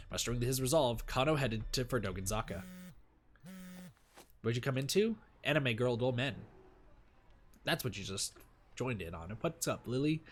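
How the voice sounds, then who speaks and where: A young man streaming, reading a visual novel aloud with casual commentary. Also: medium pitch. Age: young adult. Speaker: game streamer.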